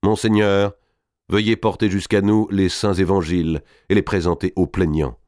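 A man's voice: medium pitch, very animated, a little mellow, dry recording, studio quality, voice pushed up. A man reading a grave, majestic king. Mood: grave, solemn. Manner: solemn, measured.

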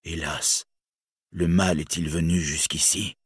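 A man voicing a wary male elf guide, speaking in a solemn, hushed and dread-filled way. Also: rumbling low, fairly even intonation, slow, slightly rough, no room sound, studio quality, exaggerated voice. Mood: dismayed.

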